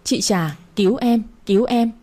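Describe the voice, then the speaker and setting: A coy, whiny young woman in a storybook reading, her voice lifted high and pleading, as a woman narrator puts her on. The tone stays dark and husky underneath. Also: moderate pace, lightly acted.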